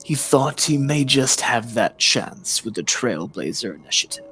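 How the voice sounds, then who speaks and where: A man playing the solemn narrator of a space saga, reading scripted dramatic narration in a measured, ominous manner. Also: mid-range voice, very animated, a bit bright, faint music behind. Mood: solemn, foreboding.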